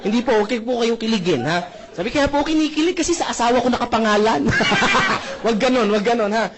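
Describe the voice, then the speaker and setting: A man presenting a marketing plan at a seminar, joking with the crowd, speaking politely and often checking that listeners agree. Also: high-pitched. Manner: joking, keeps asking the audience "tama ba?"; polite, addresses the crowd with "po" and "mga brother, mga sister". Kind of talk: lively seminar presentation mixing Tagalog and English.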